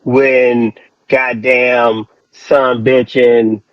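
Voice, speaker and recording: A man's voice: medium pitch, level tone, very slow, dry recording. A man co-hosting a casual wrestling chat, laid-back and profane, heard through a thin, distant-sounding headset phone line. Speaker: podcast co-host. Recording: dull lo-fi phone-line audio.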